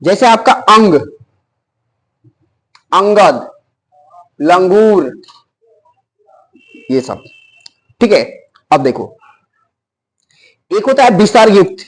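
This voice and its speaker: A man teaching an exam-prep Hindi grammar lesson, slowly repeating each term and quizzing his students. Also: high-pitched, animated, husky, low-quality recording.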